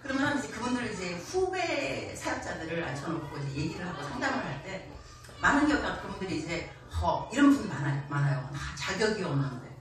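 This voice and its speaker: Animated woman preaching in echoey church. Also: fairly low pitch, a little fast. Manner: animated, acts out quoted voices, laughs often. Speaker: missionary preacher. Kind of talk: sermon. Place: church sanctuary. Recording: echoey church hall, distant mic, faint noise.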